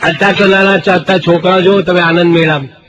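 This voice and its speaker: A man's voice: sits high, brisk, dull audio. A middle-aged Gujarati man telling comic stories on stage, acting out the voices of the people in them. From Gujarat, India. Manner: animated, acts out quoted voices for jokes. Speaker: stand-up comedian. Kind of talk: stand-up comedy storytelling. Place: stage before a live audience. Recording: live show with loud crowd laughter.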